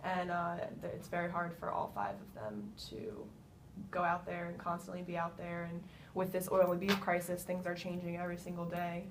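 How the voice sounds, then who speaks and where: A woman playing the client in a sales pitch practice, answering hesitantly in a role-played business conversation. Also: normal speed. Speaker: practice client acting as a meat business manager. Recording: faint rumbly background noise.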